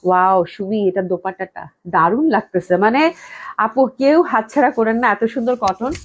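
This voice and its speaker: Fast-talking, gushing woman seller. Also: medium pitch. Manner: gushing, enthusiastic, repeats praise. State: recovering from a cold, coughing. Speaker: clothing shop owner selling dresses live. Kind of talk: live online sales stream. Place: indoors at the company office.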